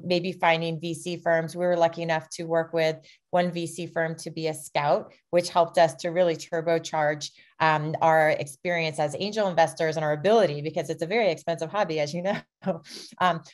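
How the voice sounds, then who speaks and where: Low-voiced middle-aged woman, breezy and self-deprecating, talking over a video call. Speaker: venture capitalist, fund founder.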